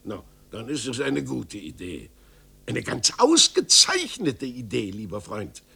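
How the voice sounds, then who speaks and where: Man doing grumbling old carpenter, gruff, gravelly, slow, radio story voice. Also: mid-range voice, huge pitch swings, pushed and bright, full character voice. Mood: teasing.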